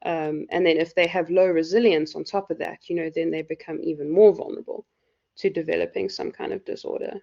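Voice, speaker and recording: A woman lecturer with a hoarse, croaky voice, explaining loosely with lots of fillers in a live university class. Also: lowish voice, fairly even intonation, brisk, dark tone. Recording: dull lo-fi recording.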